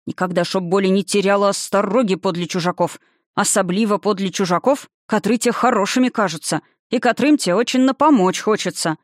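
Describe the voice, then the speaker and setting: A woman's voice: mid-range voice, brisk, no echo, clean studio sound, lightly acted. A woman reading a stern, grumbling old village witch grandmother in a rustic, old-fashioned dialect. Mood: lecturing.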